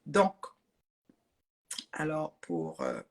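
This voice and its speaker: A chatty woman with a low-pitched voice speaks extremely slowly on a live stream. Looking straight into her phone or webcam, she casually greets and thanks viewers, breaking into laughter now and then in a relaxed, conversational flow.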